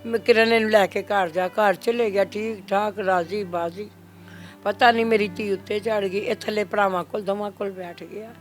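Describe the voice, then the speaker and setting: A woman's voice: medium pitch, steady tone, moderate pace, faint music behind. An older woman with a Punjabi accent, grief-stricken, telling a reporter what happened in a pleading, repetitive way. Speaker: mother of the victim. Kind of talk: grieving testimony to a reporter.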